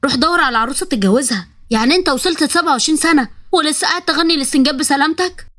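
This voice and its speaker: A woman's voice: high-pitched, racing, sharp tone. A woman voicing a nagging, exasperated middle-aged mother with an Egyptian accent. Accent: Egyptian Arabic.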